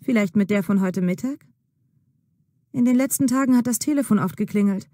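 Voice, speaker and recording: A woman reading a wife who will not let go of her questions, voice lifting higher as she presses. Mellow tone, dry close sound with no room behind it. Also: a little fast, no room sound, close to an everyday voice. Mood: suspicious. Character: suspicious, insistent wife questioning her husband. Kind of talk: acted dialogue in a learner audio drama.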